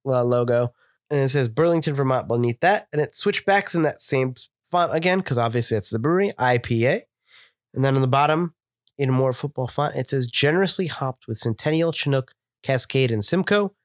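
Enthusiastic male podcast co-host with a head cold, mid-pitched, dry close mic. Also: expressive, brisk, no room sound. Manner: chatty, descriptive, enthusiastic. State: stuffed up with a cold. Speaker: podcast co-host reviewing beer. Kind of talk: casual chat.

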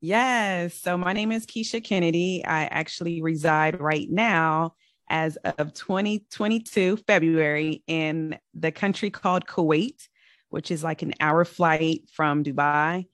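A woman's voice: low-pitched, unhurried, dry recording, studio quality. A woman from Virginia, a podcast guest, telling her story in an upbeat, chatty way. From Virginia, United States. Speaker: podcast guest, real estate investor. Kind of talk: casual interview talk.

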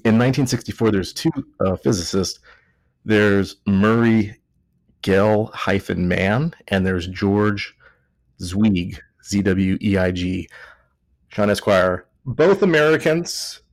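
Here the host's voice sits low with no echo. He's a man with a Texan accent, tipsy after a few beers, rambling through a casual, jokey podcast chat and correcting himself along the way.

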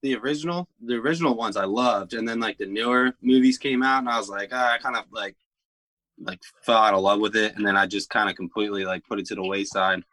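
A man's voice: fairly low pitch, fast, bright, forceful tone, no echo, poor audio. A man chatting on a podcast in a laid-back way, filling his talk with "like". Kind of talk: casual podcast chat.

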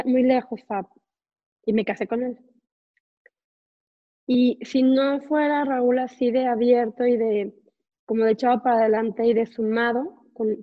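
A woman's voice: on the high side, highs cut off. A woman in her forties with a Mexican accent, a guest telling personal stories in a candid, chatty interview full of fillers and asides over a video call. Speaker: guest entrepreneur.

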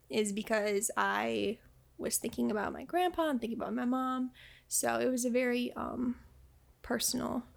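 A woman in a relaxed review chat, her voice pitched a little high with a gravelly fry running through it. She talks loosely, pausing on fillers and breaking into laughter easily. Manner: chatty, hesitant with many fillers, laughs easily. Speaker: podcast co-host. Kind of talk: casual film review chat.

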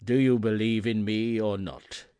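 A chained ghost who speaks in slow, solemn, booming tones of doom, acted by a man reading a storybook. The voice is dry and close, with rising swells of force. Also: fairly even intonation, dark tone, smooth, no room sound, close to an everyday voice. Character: doomed, mournful male ghost in chains.

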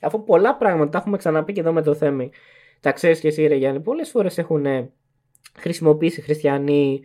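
Young man, podcast co-host, mellow voice, a bit high, rambling, self-correcting. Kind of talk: casual chat.

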